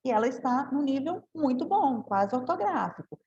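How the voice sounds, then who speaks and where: A woman's voice: sits high, big pitch swings, moderate pace, a little mellow, highs cut off. A woman giving a teacher training talk, explaining step by step and often adding tag questions.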